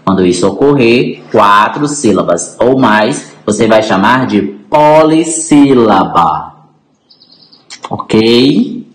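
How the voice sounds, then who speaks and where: A male teacher, explaining syllables to his class and spelling out example words slowly. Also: fairly low pitch, low-quality recording. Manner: addresses class directly. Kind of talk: grammar lesson.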